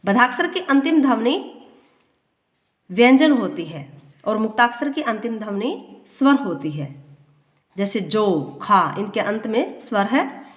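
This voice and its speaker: A woman with a fairly high voice reads grammar notes aloud as a teacher. She often goes back over a line slowly to make it clear. The room around her echoes noticeably. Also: very animated. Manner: reads a line, then repeats it slowly to explain.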